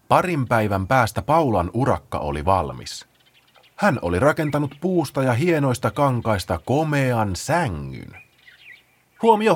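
A man reading a children's story aloud as narrator, in a playful, expressive way. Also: lowish voice.

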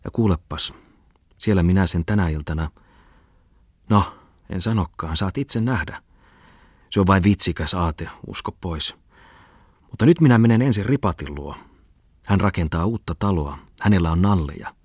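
A man voicing an excitable, garrulous male scholar in an audiobook reading, rambling in bursts. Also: deep voice, husky, no room sound, studio quality. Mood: excited. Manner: rapid exclamatory rambling.

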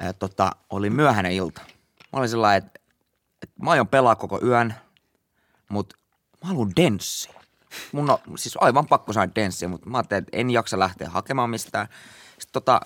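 A man's voice: lowish voice, no room sound. A young man with a Finnish accent, casually telling an anecdote as a podcast host, acting out his own reactions. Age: young adult. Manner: animated storytelling with acted-out reactions. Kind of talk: casual storytelling chat.

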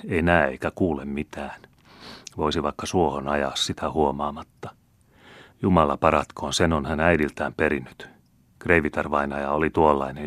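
A man's voice: rumbling low, a bit bright, no room sound. A man reading an old, scarred, loyal cavalryman who mutters evasively in an audiobook.

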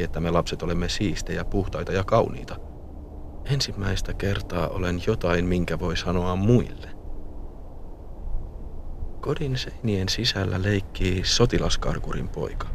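A man narrating a radio play as a boy remembering his childhood, in a calm, reflective and often hushed manner. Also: low voice, vocal fry, a little hiss or hum.

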